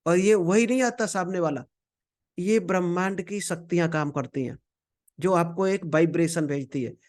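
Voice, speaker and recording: A man's voice: high voice, normal speed, darkish tone. A man giving a conversational motivational lecture from slides, calling listeners "friend" and mixing in English phrases. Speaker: motivational sales trainer.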